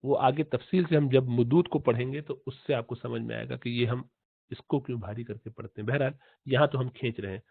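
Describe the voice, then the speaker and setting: A man teaching tajweed in Urdu, explaining slowly, repeating letter sounds and chanting recited verses in long drawn-out tones. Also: mid-range voice, gravelly, no echo. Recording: tinny phone-like audio, dry.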